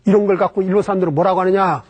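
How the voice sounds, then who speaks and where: A man's voice: high voice, fairly even intonation, racing, darkish tone, breathy edge, highs cut off. A man giving a history lecture about Japan, explaining step by step and posing rhetorical questions that he then answers himself.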